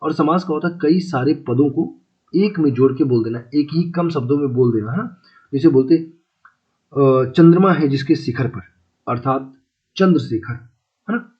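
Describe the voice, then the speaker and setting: A man's voice: fairly high pitch, normal speed. Guy tutoring for hindi exams, keeps repeating words and checking in, kinda dull lo-fi sound. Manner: repeats key words, asks checking questions; chatty, calls listeners brother and friends. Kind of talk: casual exam-prep lesson. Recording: slightly dull lo-fi audio.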